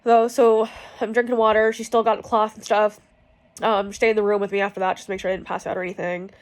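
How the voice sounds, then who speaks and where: A woman's voice: medium pitch, level tone, fast. A young woman telling a personal story in a casual, rambling way, frank and full of fillers and swearing. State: in pain from cramps. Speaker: vlogger.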